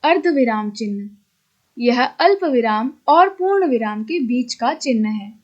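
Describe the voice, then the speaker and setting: A woman reading a textbook lesson aloud in a measured, deliberate way with pauses. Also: on the high side, expressive, a little mellow, muffled recording. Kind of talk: slow textbook read-aloud.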